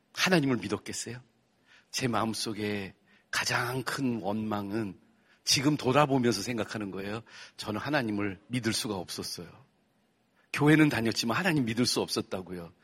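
A man from Korea preaching a sermon testimony, telling his story with strong emotion and sudden loud outbursts. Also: on the low side, moderate pace, husky.

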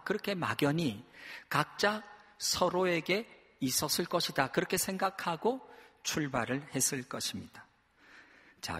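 A husky-voiced man in his fifties preaches a sermon, his pitch sitting a little high and leaping up and down as he tells stories. He acts out the dialogue. The sound carries a long reverb from a large church hall. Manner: storytelling, acting out dialogue with lively swings. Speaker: pastor.

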